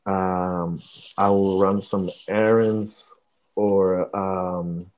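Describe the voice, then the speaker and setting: Male pastor from Costa Rica, mellow low voice, halting interview delivery. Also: flat delivery. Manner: hesitant, many fillers and restarts. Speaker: pastor, guest. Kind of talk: casual interview talk.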